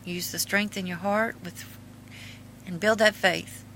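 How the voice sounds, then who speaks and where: A woman with an Appalachian-style hillbilly twang casually reads her own writing aloud with asides, in a halting, folksy, earnest way. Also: medium pitch, fairly even intonation, a bit bright, a little hiss or hum. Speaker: video host and author reading own memoir.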